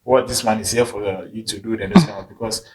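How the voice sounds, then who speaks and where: A young Ghanaian man, a footballer and coach, telling his story in a halting casual interview and repeating his phrases. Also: lowish voice, steady tone, background noise.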